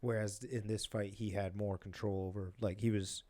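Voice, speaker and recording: A man's voice: on the low side, level tone, normal speed, dark tone, dry recording, clean studio sound. Rambling young man on a fight podcast. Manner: rambling, many fillers and restarts. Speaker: podcast co-host. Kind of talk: casual fight chat.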